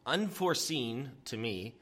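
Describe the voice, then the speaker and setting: A man with a bright, forceful voice hosts casual sports banter. He is amped up and teasing, and his R's come out like W's. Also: medium pitch, expressive, a little slow. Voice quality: can't say his R's, pronounces r like w. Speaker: sports podcast host.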